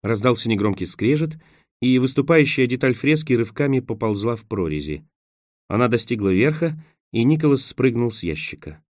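A man narrating an adventure novel as an audiobook, steady and measured. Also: mid-range voice, no room sound, studio quality. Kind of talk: scripted narration.

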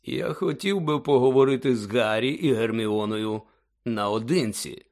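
A man voicing a calm, firm elderly male headmaster who speaks quietly. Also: mid-range voice, unhurried, close to an everyday voice.

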